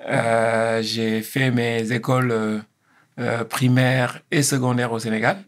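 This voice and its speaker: A man, speaking as an interview guest in a measured, hesitant way with many pauses and restarts. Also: medium pitch, little pitch movement. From Senegal. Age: 50s. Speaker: interview guest, engineer and consultant. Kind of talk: casual interview.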